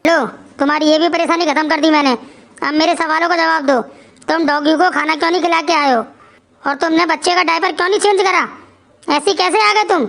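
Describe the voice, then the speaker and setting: A bossy cartoon wife who fires off demanding questions at her husband. Her voice is high-pitched and sharp. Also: steady tone, brisk, creaky, heavily acted. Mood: scolding. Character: bossy scolding wife, young adult woman.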